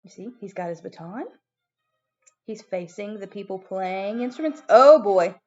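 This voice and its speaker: A woman giving a video music lesson to young children as their teacher, animated and prompting them with questions. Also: medium pitch, normal speed, dull audio.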